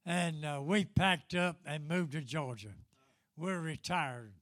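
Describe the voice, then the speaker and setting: A man's voice: a little high, slow, fairly bright tone, no echo, studio quality. An elderly man preaching a fervent Pentecostal-style sermon in an emphatic, repetitive, folksy way. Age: 70s or older.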